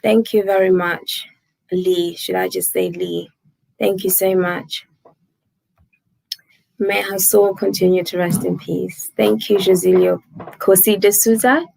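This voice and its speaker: A woman in her twenties hosts a casual livestream, reading viewer comments, laughing often, and thanking people by name. Her medium-pitched voice is creaky and darkish, with fairly even intonation, a measured pace, and frequent pauses, on a low-quality recording.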